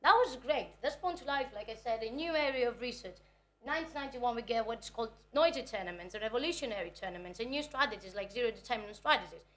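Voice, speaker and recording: This young woman, a Greek native in her twenties, speaks fast and animatedly in a high voice. Her conference talk about research is nervous and talkative, full of self-deprecation.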